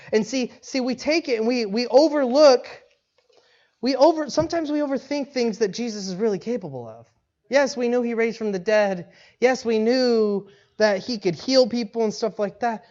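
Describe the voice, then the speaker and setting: A male pastor preaching in a casual, conversational way, animated and acting out bits of dialogue, often restarting his sentences. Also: very high-pitched. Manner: animated, acts out quoted dialogue, frequent restarts and laughs. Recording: dull lo-fi recording.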